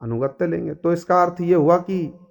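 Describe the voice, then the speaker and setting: A man's voice: on the high side, normal speed, creaky. A man preaching a devotional storytelling sermon, often asking his listeners rhetorical questions and briefly voicing the characters. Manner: asks the audience rhetorical questions, acts out characters.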